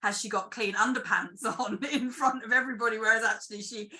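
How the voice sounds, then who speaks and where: A British screenwriter from the United Kingdom chats casually as a guest in a video-call interview, thinking aloud with lots of fillers. Her voice is a little high and a little fast, pushed and bright, with fairly even intonation.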